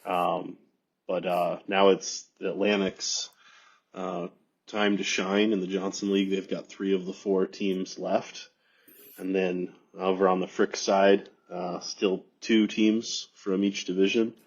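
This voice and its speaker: Deep nasal man with a cold. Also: flat delivery, slow pace, husky, muffled recording. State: congested from a cold. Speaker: guest. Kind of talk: casual chat.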